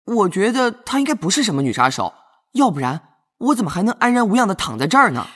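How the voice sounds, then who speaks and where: An actor playing a carefree young rich master, a son who is playful, whiny and joking. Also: male voice, high voice, very animated, fast talker, a bit bright, exaggerated voice. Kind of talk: TV drama acting.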